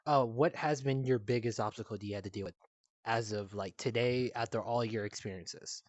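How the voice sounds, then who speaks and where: A man's voice: mid-range voice, fairly quick, dry recording, highs cut off. A young man hosting a casual podcast chat, rambling with lots of fillers and asking his guest questions. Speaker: podcast host.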